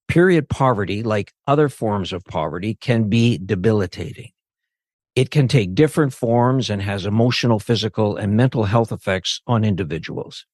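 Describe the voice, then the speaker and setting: A man hosting a podcast. He reads a formal introduction in a measured way and then asks looser, conversational questions. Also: on the low side, no room sound, clean studio sound. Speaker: podcast host. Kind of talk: scripted introduction and interview questions.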